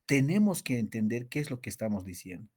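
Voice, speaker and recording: A man teaching a theology class, reading verses aloud, stretching key words slowly for emphasis and quizzing his students. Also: mid-range voice, sing-song, darkish tone. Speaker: Bible teacher.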